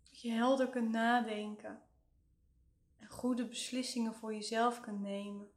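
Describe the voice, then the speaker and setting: Woman doing guided meditation, really slow n gentle, kinda high voice, long pauses. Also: little pitch movement. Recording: roomy, echoing voice recording.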